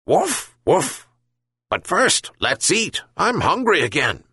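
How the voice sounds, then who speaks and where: A man reading a storybook voices a loyal little dog, grumpy and always hungry, yelping excitably in a voice pitched well above his own. The sound is husky and dry, with wide swings in pitch. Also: slow, no echo, exaggerated voice. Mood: eager.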